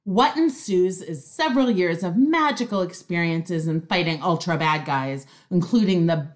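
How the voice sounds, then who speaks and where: A woman's voice: fairly low pitch, normal speed. A woman co-hosting a podcast, chatting in a playful, upbeat way. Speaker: podcast co-host. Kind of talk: casual chat.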